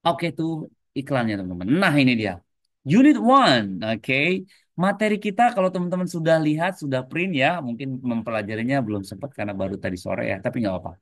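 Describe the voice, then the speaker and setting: A man's voice: medium pitch, expressive, a little fast, dry recording. A man teaching an English lesson to adult learners online, explaining in a mix of two languages and tagging nearly every phrase with a casual "ya". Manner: explains in mixed English and Indonesian, tags phrases with "ya"; repeatedly addresses the class as friends. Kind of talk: online class lecture.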